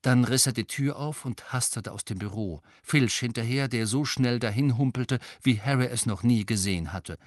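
A man's voice: medium pitch, normal speed, hardly any pauses, dry recording. Man reading a story, dry and close. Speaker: audiobook reader. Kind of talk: scripted narration.

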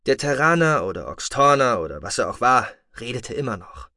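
A man reading a science-fiction novel aloud in a measured, calm storytelling way, recorded on a close studio mic. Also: mid-range voice, dry recording. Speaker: audiobook narrator. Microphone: close, dry studio mic.

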